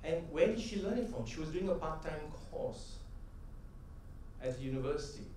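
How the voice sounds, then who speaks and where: Before a convention crowd, a middle-aged man tells stories in a slightly raised, mellow, fairly high voice with lively intonation at normal speed. His motivational talk is conversational, frequently tagged with "right?" and building to rhythmic, emphatic punchlines. Recorded from a distance, his words ring through a big, echoey hall over a faint room murmur and a little hiss or hum.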